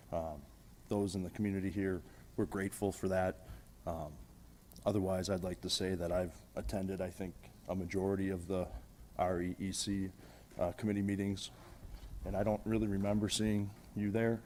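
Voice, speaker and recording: Low-voiced man, hesitant council speaker, faint noise behind. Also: darkish tone. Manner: halting, with many ums. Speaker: public commenter. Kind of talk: public comment speech. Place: council chamber at a lectern mic.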